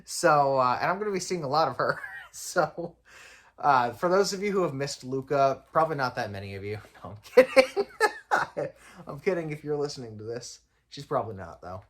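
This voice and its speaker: A man's voice: medium pitch, very animated, moderate pace, a bit bright, slight background noise. A young man hosting a podcast at home, reading aloud and drifting into rambling, self-interrupting chat with frequent chuckles. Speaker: podcast host.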